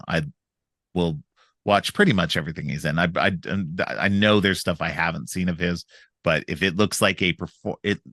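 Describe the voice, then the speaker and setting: A middle-aged man hosts a casual film podcast while stuffed up from a cold, rambling and restarting often. His voice is low-pitched with a fairly bright tone. The studio sound is clean, with no room sound.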